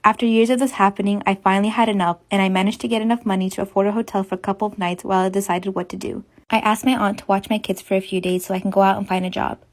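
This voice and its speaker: A young woman narrating a personal story in a steady, read-aloud delivery. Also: mid-range voice, rapid-fire, few pauses.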